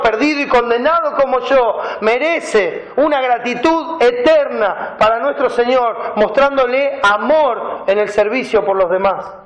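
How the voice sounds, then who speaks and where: A man's voice: very high voice, a bit bright, roomy sound, poor audio. A man preaching a sermon as pastor, reading scripture aloud and explaining the meaning of Greek words. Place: church.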